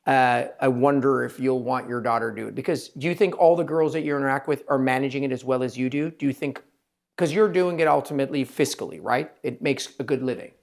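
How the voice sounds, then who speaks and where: A man hosting an interview as a plastic surgeon, talking directly and lively, acting out quotes of others in his speech. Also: mid-range voice, creaky. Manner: direct, animated, acts out quotes in his talk. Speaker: plastic surgeon, podcast host. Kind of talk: conversational interview.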